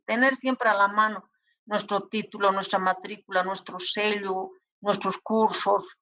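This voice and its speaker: A woman's voice: mid-range voice, a bit bright, no echo, highs cut off. A woman lecturing medical students, giving advice and acting out exchanges between colleagues. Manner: advising, acts out colleagues' dialogue. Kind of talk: university lecture.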